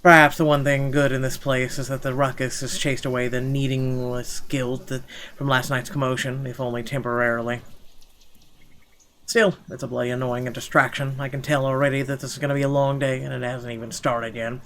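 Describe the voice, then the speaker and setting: A gaming video host reads visual novel narration aloud with theatrical flair, stumbling over words now and then. His mid-range voice stays fairly flat in pitch, moves a little fast, and has a fairly bright tone. Game music plays behind him, along with a slight hiss or hum.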